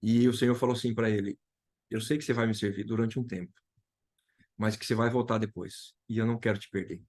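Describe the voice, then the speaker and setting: A man's voice: lowish voice, steady tone, fast talker, darkish tone. A man from Brazil sharing an emotional personal testimony as a guest, retelling dialogue and repeating key phrases.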